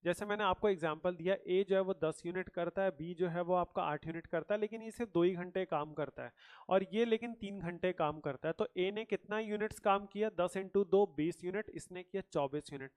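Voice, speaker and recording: A man with a fairly high voice teaches a math lesson for exam preparation. He walks through each problem step by step and keeps checking that his students are following. He mixes English math terms into his Hindi. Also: a little fast, darkish tone, smooth. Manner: explains step by step, often checks in with "thik hai" and "bachchon". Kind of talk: exam-prep math lecture.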